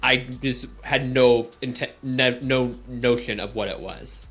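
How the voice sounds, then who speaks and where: A man's voice: medium pitch, steady tone, a little slow, fairly bright tone, faint music behind. A man joining a stream over voice chat, chatting casually and correcting himself as he rambles on. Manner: rambling, self-correcting explanations.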